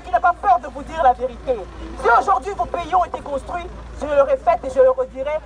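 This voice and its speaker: A high-pitched woman delivers a fierce, declamatory protest speech in the open street. She drives her points home by repeating phrases. A loud crowd and passing traffic surround her. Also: poor audio. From France. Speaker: protest speaker. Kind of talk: impassioned outdoor protest speech. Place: outdoor street rally.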